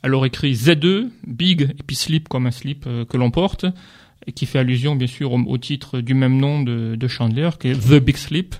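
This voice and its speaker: A man's voice: medium pitch, moderate pace, a little mellow. A man reviewing crime novels on a radio book chat, hesitant and often searching for his words.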